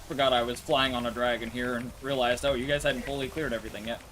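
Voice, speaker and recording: A man's voice: mid-range voice, fairly even intonation, fast talker, fairly bright tone, slight background noise. A man leading his guild through a game raid, joking and swearing loosely with friends over voice chat. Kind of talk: casual gaming chat with friends.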